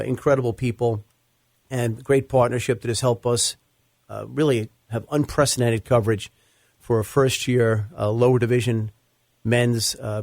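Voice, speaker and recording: Male podcast host, mid pitch, chatty and filler-heavy, dry close mic. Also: darkish tone, dry recording. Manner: chatty, lists sponsors with frequent fillers. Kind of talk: casual podcast talk.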